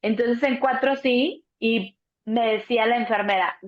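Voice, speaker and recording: A Mexican woman in her thirties, a doula, telling a birth story in a relaxed chat, acting out the voices of the people in it and swearing casually. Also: a little high, unhurried. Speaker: doula, co-host. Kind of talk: casual conversation. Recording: dull lo-fi sound.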